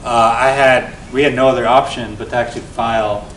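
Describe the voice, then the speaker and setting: A man in his forties speaks energetically to an event audience, checking in with "right?" as he goes. He sits back from the mic in a reverberant room, and a faint low rumble runs underneath. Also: brisk, recorded from a distance. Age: 40s. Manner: energetic and conversational, tags points with "right?". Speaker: venture investor and guest speaker. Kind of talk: telling his founder story to an event audience. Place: event venue before an audience.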